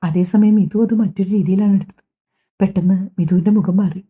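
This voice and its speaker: A woman's voice: mid-range voice, steady tone, fairly quick, breathy edge, highs cut off. A woman narrating an audiobook family drama, reading the dialogue in as she goes. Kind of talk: scripted story narration voicing all characters.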